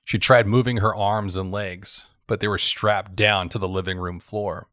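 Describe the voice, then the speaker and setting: A man narrating a thriller story in a steady, even storytelling voice. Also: on the low side, normal speed, dry recording, studio quality.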